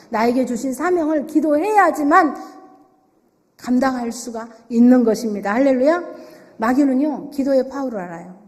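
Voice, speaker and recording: A woman's voice: sits high, a little mellow. A woman pastor preaching a sermon in an emphatic way, peppered with rhetorical questions. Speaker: senior pastor. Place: church sanctuary. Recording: long reverb of a church hall.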